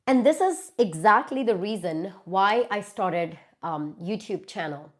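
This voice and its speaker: Her voice is mid-range, animated and unhurried as she talks casually with viewers during a live phone stream. She's a woman from India with a cold that leaves her stuffy, hosting a YouTube Q&A where she reads comments out and responds to them.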